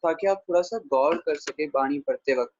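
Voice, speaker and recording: A man teaching a pronunciation lesson online, patiently repeating words slowly and checking in with students by name. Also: fairly high pitch, a little mellow, a little hiss or hum. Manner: patient, repeats words slowly to model pronunciation, says 'theek hai' often; addresses students by name, answering their questions. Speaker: Gurbani grammar teacher. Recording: dull dry lo-fi audio.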